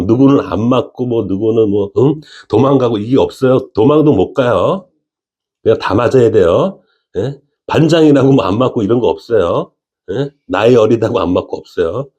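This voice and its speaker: A man's voice: fairly low pitch, mellow. A middle-aged man giving a casual spiritual lecture, often checking in with listeners and chuckling.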